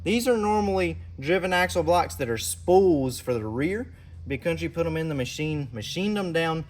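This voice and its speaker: A man casually showing off a custom motorcycle, talking fast and animated to his viewers, hyping each part and calling himself by a nickname in the third person. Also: fairly high pitch, a little hiss or hum. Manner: fast, animated, hypes parts and talks to viewers. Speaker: motorcycle builder and channel host. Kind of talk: casual walkaround show-and-tell.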